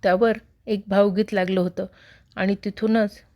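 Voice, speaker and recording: A woman reading a horror story aloud in a steady, measured narrating voice. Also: medium pitch. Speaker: story reader.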